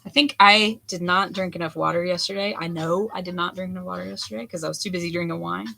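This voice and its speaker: Hoarse, gravelly woman chatting at the wheel. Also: on the low side, fairly even intonation, fast, pushed and bright, slight background noise. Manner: chatty and candid, talks while shaping clay. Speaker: potter streaming a throwing session. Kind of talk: casual chat while working. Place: pottery studio with lo-fi music on.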